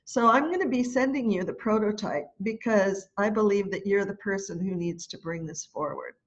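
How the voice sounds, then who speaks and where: Speaking at a normal speed with medium pitch, this woman in her sixties, who leads a choir and teaches music, animatedly chats through a story mid-lesson. She is indoors at home on a video call, and her laptop webcam makes the sound dull and lo-fi.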